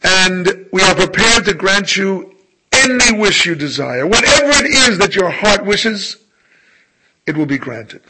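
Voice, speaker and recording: A man's voice: sits high, very animated, measured pace, sharp tone, slight background noise, voice pushed up, heavily acted, poor audio. A man doing a formal, gracious Saint Peter. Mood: solemn. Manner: formal, welcoming. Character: gracious male Saint Peter at heaven's gate.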